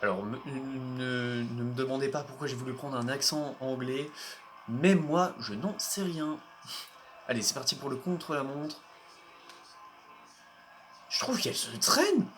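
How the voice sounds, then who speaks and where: A man's voice: mid-range voice, moderate pace, a little hiss or hum. A man giving casual, hesitant commentary while playing a racing game, often restarting his sentences and chuckling. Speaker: gaming video host.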